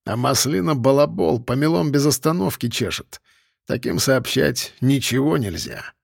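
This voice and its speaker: A man voicing a sullen young street thug who talks low and grudgingly in slang. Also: animated, normal speed, gravelly, breathy edge, dry recording, studio quality.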